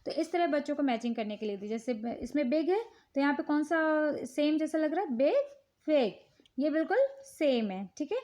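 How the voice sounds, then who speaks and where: Indian lady teacher, high voice, slow patient explaining, keeps checking ok. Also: animated, darkish tone. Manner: slow, patient, repeats "ठीक है" often. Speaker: teacher showing worksheets. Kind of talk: casual instructional talk.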